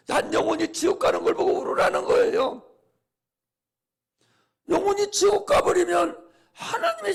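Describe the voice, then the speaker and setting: Very high-pitched gravelly preaching man. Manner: impassioned, swinging between loud exhortation and hushed asides; repetitive preaching cadence. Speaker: pastor. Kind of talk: sermon.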